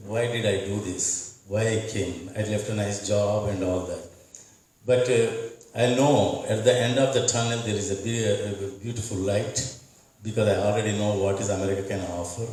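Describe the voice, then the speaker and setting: A man's voice: fairly low pitch, a little mellow. Indian accent guy, middle-aged, telling his story earnest at a debate, lots of echo, far from the mic. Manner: earnest, storytelling, repeats words. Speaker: candidate. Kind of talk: debate speech. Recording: echoey room from far off.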